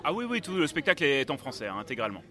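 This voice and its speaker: A British man speaking with a slight English accent, a native English speaker. He talks fast in a bright, sharp voice and answers with wry jokes, outdoors in a town. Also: mid-range voice, sing-song. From Britain. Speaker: improv actor.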